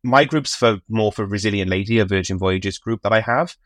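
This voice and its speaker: A man hosts a podcast in a relaxed, rambling chat full of fillers and restarts. His voice sits a little low. It is recorded close and dry, with no room sound. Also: a little fast, dry recording. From United Kingdom. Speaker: podcast host and cruise travel agent.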